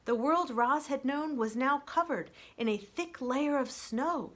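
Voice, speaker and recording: Her voice sits high as this woman reads aloud from a children's novel. The storytelling is gentle, measured and expressive, with phrase ends that soften.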